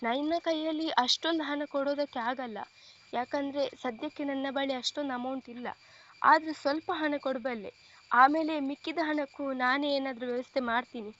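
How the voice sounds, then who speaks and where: A woman voicing a caring young man who plays a protective elder brother, speaking gently and reassuringly, in a storybook reading. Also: high voice, muffled recording, slight background noise.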